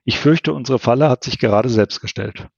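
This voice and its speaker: Ein Mann, der einen tatendurstigen Teenager-Jungen voller Pläne liest. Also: male voice, medium pitch, a little fast, gravelly, a little mellow, husky, no room sound, highs cut off. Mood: eager. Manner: eager. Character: eager teenage boy, full of plans.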